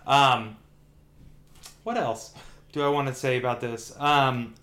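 Excitable man swapping movie opinions. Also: medium pitch, slow pace. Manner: animated, swears, acts out quotes. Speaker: podcast co-host. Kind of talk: casual film review chat.

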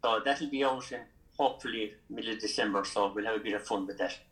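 An older Irish man chats casually as a podcast guest at a very quick pace. His voice is bright and forceful, and he rambles, circling back to repeat the same phrases. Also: lowish voice, low-quality recording. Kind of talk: casual chat.

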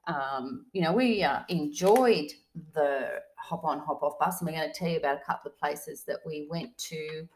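A low-pitched woman recounting a trip in relaxed podcast chat. She wanders through the story, stopping and restarting with fillers as she goes. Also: moderate pace, few pauses, slight background noise, low-quality recording. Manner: rambling, lots of fillers and restarts. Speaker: podcast co-host. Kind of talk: casual travel chat.

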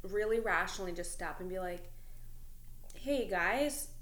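Bright-voiced young woman chatting animatedly. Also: mid-range voice, measured pace, echoey room. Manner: animated storyteller, acts out quotes. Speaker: podcast co-host. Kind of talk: casual chat.

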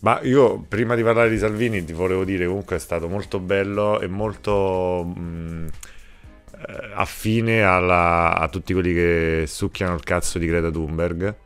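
A man's voice: low-pitched, fairly even intonation, a little slow, clear, resonant tone, soft background music. A man co-hosting a comedy podcast in casual, joking conversation. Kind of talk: casual comic banter.

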